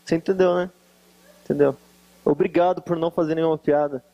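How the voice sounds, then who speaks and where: In a conference hall full of listeners, a high-pitched guest preacher from Varginha, Brazil, gives a sermon laced with jokes, his Brazilian Portuguese carrying a Minas Gerais accent. He speaks a little fast and teases the crowd in a relaxed manner. The recording sounds muffled.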